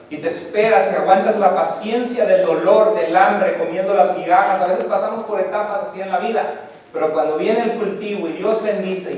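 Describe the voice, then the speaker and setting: A man's voice: high-pitched, a little mellow. A man pastor preaching a fervent Sunday sermon, building emphasis through repeated phrases, in a church sanctuary. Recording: echoey church hall, distant mic, faint noise.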